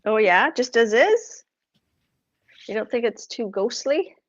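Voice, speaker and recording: A woman's voice: fairly high pitch, sing-song, slow, lo-fi sound. A woman with a Boston accent casually explaining her craft prints, rambling with lots of fillers and self-corrections. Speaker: craft livestream host.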